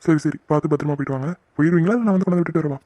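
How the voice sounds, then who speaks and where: A man's voice: a little high, very fast, warm tone, no echo, lightly acted. A man voicing a good-natured, teasing husband in a cartoon, joking with his in-laws. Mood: friendly. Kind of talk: cartoon voice acting.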